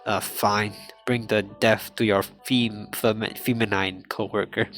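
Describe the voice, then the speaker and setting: A man's voice: lowish voice, very animated, slow pace, sharp tone, faint music behind. A man reading a visual novel's dialogue and news scenes aloud in a playthrough, stiffly, with frequent stumbles and restarts. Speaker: gaming channel host.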